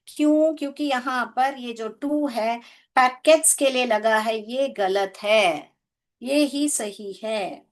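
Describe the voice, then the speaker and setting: A woman's voice: a little high, slow. A woman English teacher from India giving a live online class in Hindi, coaxing her pupils, asking them questions and calling them "beta". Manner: coaxing, calls students "beta", asks questions.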